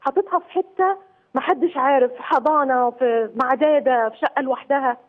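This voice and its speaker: A woman's voice: high-pitched, a little fast. Distressed Egyptian woman on a phone line. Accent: Egyptian Arabic. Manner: distressed, pleading. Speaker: caller.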